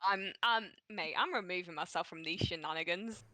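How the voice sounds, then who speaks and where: A woman's voice: fairly low pitch, moderate pace, bright, forceful tone, dry recording. A woman playing a tabletop game, sounding amused and exasperated. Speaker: player. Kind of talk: tabletop role-play.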